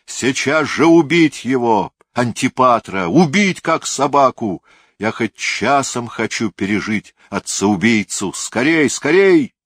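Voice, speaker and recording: A man's voice: deep voice, slow pace, fairly bright tone, no room sound, studio quality. A man voicing a dying old tyrant king who rages and issues commands in delirium. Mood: raging. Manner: raving, commanding outbursts.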